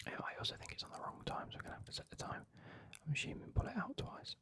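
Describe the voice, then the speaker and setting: A man whispering an ASMR unboxing as host, in a chatty, enthusiastic, informal manner. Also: fast.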